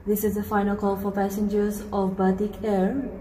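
Woman, airport announcer over a PA system, very slow and measured, echoey with faint hiss. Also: mid-range voice, little pitch movement, dark tone.

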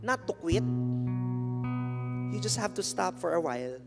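A Filipino man preaching a lively sermon as pastor, mixing languages and acting out the lines he quotes. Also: high-pitched, unhurried, vocal fry. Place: church sanctuary. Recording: long hall reverb with guitar music.

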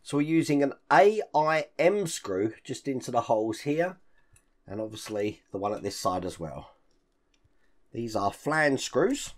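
At a measured pace, a model-building channel host talks in a lively way, his voice hoarse and croaky following an illness. The voice is deep and rough, with a cough here and there. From his home hobby room, lined with collectibles, he gives a chatty hands-on walkthrough and explains every step while handling the parts.

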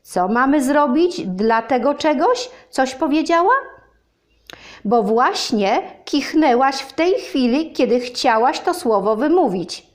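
A humble, small-brained honey bear from a children's storybook, put on by a woman reader. He speaks politely and timidly, in a voice raised higher than the reader's own. His delivery is unhurried. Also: expressive. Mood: timid insisting. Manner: polite, timid, stumbles over long words.

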